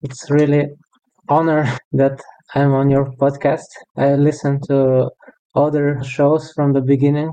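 A man in his thirties from Bulgaria with a Bulgarian accent, a guest on a podcast, speaking English in a halting, self-correcting way with frequent laughs. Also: medium pitch, little pitch movement, warm tone, smooth, poor audio. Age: 30s. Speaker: bird guide, podcast guest. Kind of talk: interview answers.

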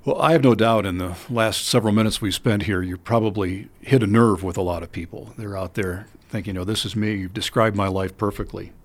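Low-voiced male interview host. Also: fairly even intonation, fairly quick, few pauses. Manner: affirming, asks gentle questions. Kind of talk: faith interview, hosting.

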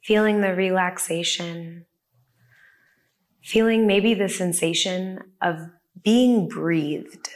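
A woman leading a guided body-scan meditation, speaking softly and soothingly with long pauses. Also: on the low side. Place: a room with the listeners present.

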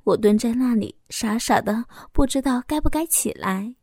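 A woman storyteller reading a story aloud in a soft, even, intimate way. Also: on the high side, moderate pace, no room sound, clean studio sound.

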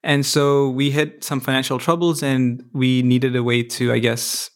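A man's voice: mid-range voice, little pitch movement, measured pace. A man in his twenties from India, a podcast guest talking modestly and reflectively in a casual interview. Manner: modest, reflective, with fillers and restarts. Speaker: podcast guest, PhD student.

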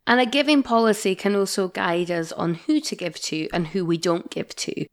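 A woman's voice: medium pitch, moderate pace. A woman co-hosting a casual podcast, teasing her co-host in a playful way.

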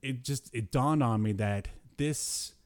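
A podcast host with a medium-pitched voice chats slowly and casually, joking and rambling informally through pop-culture banter. There is no echo on the recording.

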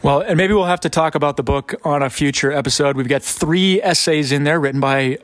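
A man hosting a conversational podcast in a casual, halting way, often restarting his phrases. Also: on the high side, no room sound. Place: basement of a guest home.

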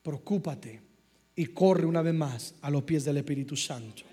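A young man preaching a sermon as pastor, swinging from hushed passages to loud ones and calling out for replies from his congregation. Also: a little high, normal speed, husky.

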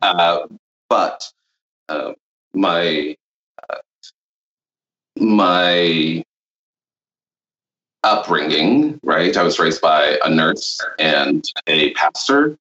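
Very deep-voiced man from Honduras, slow. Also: lively intonation, bright, forceful tone, echoey room, highs cut off. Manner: reflective, halting with fillers. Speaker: guest. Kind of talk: podcast interview.

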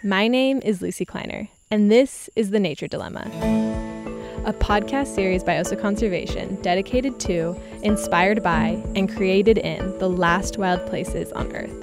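A woman's voice: mid-range voice, a little slow, over loud music. A woman hosting a podcast, reading scripted narration and asking interview questions in a friendly way. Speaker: podcast host.

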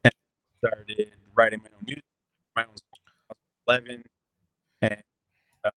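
Over a remote call on a computer mic, a young Connecticut musician talks as a podcast guest in a loose interview, restarting often and making fun of himself as he rambles. His voice is lowish, flat in pitch, unhurried, bright, and forceful. There's no room sound, though the recording quality is low.

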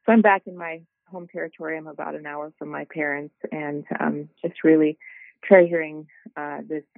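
A middle-aged woman from South Dakota, a ministry worker guesting on a casual phone interview, talks about her path in a relaxed, rambling way packed with fillers. Her voice is low with vocal fry at normal speed, coming through a thin, tinny phone line that sounds dry and close.

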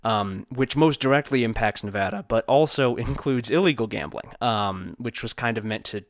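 A man's voice: lowish voice, moderate pace, dry recording, clean studio sound. A man co-hosting a casual history podcast, chatty, swearing freely and laughing as he tells the story. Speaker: podcast co-host.

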